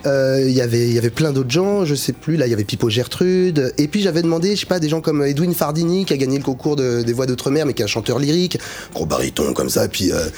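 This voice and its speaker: A man's voice: medium pitch, lively intonation, fast talker, a little mellow. A male musician as an interview guest, talking in a casual, searching way and often restarting his phrases.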